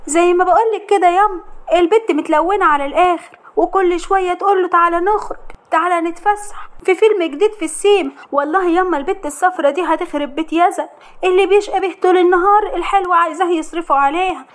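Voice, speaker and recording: A woman voicing a scheming young Egyptian wife who gossips in a wheedling, high-pitched voice. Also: fast. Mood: sly.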